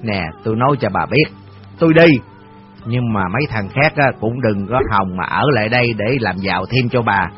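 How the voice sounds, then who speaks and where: A defiant, sarcastic petty thief, put on by a male narrator who answers back in a blustering, defensive way. The radio drama reading has a dull, lo-fi sound. Soft music plays behind it. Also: on the low side, moderate pace, lightly acted. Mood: taunting. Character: small-time thief tenant, defiant and sarcastic.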